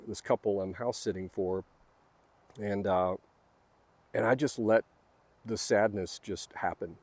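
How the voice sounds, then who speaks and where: Low-voiced earnest man, dry sound. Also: a little mellow, no echo. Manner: earnest, rambling, with fillers and restarts. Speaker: vlogger sharing spiritual lessons. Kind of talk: casual reflective monologue from notes.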